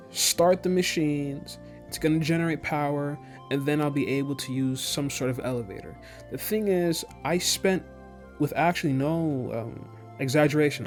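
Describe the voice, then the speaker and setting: A man's voice: a little high, darkish tone. A young man rambling and joking to himself as he gives let's play commentary on a horror game. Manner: rambling, self-talking, jokey. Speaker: gaming channel host.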